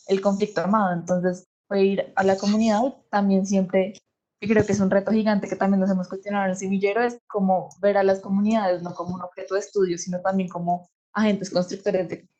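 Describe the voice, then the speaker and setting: A woman's voice: medium pitch, mellow, highs cut off. A young woman from Bogotá with a Colombian accent, a history student answering a panel question reflectively, thinking aloud, over a video call. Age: young adult.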